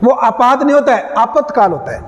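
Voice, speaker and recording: A male Hindi grammar teacher lecturing a class, quizzing students with repeated questions and spelling words out slowly. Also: extremely high pitch, animated, long reverb tail.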